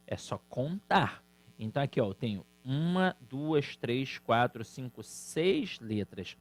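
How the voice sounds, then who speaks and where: A man with a Brazilian Portuguese accent teaching an exam-prep grammar lesson, lively and emphatic, speaking straight to his students. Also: a little high, no echo. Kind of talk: recorded online exam-prep lecture.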